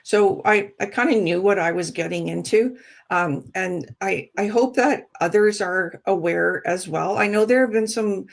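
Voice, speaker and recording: A woman's voice: mid-range voice, measured pace, vocal fry. A middle-aged woman from Alberta, speaking earnestly as a candidate in a casual interview, with frequent ums and restarts. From Alberta, Canada. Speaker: political candidate guest.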